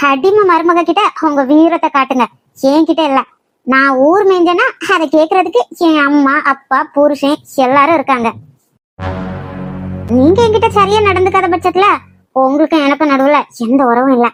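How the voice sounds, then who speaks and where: A hurt but spirited young wife, played by a woman, speaks in a cartoon. Her voice is very high and earnest, and she pleads her case with feeling. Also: moderate pace, lightly acted. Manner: earnest, pleading, tearful complaints. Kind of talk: cartoon voice acting.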